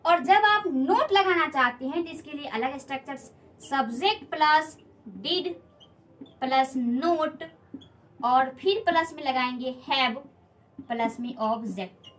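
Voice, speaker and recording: A woman's voice: high-pitched, measured pace, fairly bright tone. A woman teaching a spoken English lesson at a board, patiently repeating key points and asking learners questions.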